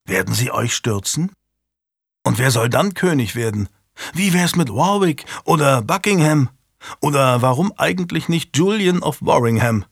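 A man voicing a proud, defiant male lord who speaks in a sardonic, measured way, in a dry studio recording. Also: mid-range voice, lively intonation, vocal fry, slightly rough, no echo.

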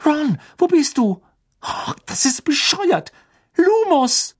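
Man reading as a panicky teen witch girl, high and bright, story audiobook. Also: big pitch swings, slow, exaggerated voice. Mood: alarmed. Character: frightened clever teenage witch girl.

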